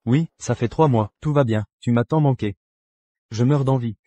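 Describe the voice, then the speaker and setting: An actor playing a sly, smug middle-aged secret lover in a French drama dub. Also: male voice, mid-range voice, normal speed, warm tone, no room sound, muffled recording, natural voice.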